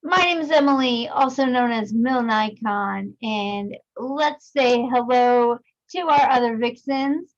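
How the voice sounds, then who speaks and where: High, excitable woman hosting a video chat. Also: slow pace, hardly any pauses, lo-fi sound. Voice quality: harsh, staticky mic sound. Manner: excitable, loud and bubbly. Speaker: host. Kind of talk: casual video-call chat. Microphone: USB desk microphone.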